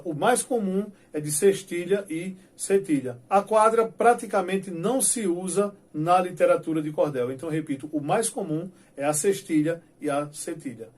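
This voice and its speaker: A man from Brazil teaching a poetry video lesson, his voice sitting a little high for a man. He talks in a chatty, playful way and recites verses with a rising, declamatory lift. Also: a little mellow.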